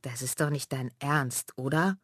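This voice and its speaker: A woman's voice: a bass voice, a little slow, fairly bright tone, dry recording, studio quality, exaggerated voice. A woman voicing a haughty, bossy teenage big sister who talks down to others. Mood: scornful. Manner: haughty, dismissive.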